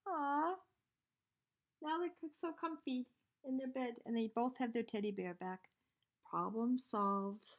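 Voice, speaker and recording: Woman teacher, storybook read-aloud, high and very animated, unhurried, whispers now and then. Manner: animated, chatty asides to young listeners, dips into whispers. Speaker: teacher reading to children.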